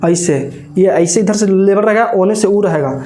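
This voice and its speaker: A man's voice: high voice, normal speed, dark tone. A man teaching a maths coaching class, chatty and often checking whether his students follow. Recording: echoey classroom.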